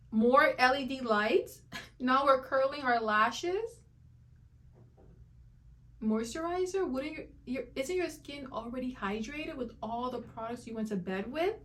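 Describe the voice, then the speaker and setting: A woman's voice: high voice, animated, measured pace, pauses often, a bit bright. A woman hosting skincare reaction commentary, emphatic and incredulous, often breaking into laughter.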